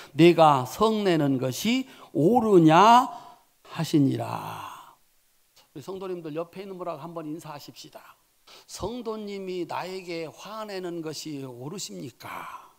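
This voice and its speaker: A man preaching as senior pastor, telling a Bible story dramatically, swinging between soft asides and loud exclamations. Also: high voice, creaky. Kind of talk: sermon.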